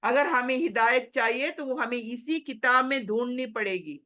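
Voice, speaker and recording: Woman teacher giving a religion lesson, bright voice pitched a bit high, earnest and urging. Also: moderate pace. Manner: earnest, exhorting, mixes English phrases. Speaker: Quran teacher.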